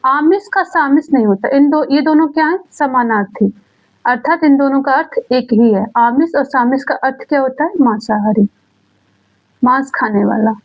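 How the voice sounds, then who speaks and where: A woman teaching an exam-prep grammar lesson, asking questions and answering them herself, repeating key words slowly. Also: sits high. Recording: dull lo-fi sound.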